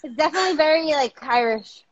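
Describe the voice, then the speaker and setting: Woman co-host, high voice, casual chat mid-workout, video call from a garage. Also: expressive, fast talker, muffled recording, very noisy. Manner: breathless, joking about the effort. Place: home garage.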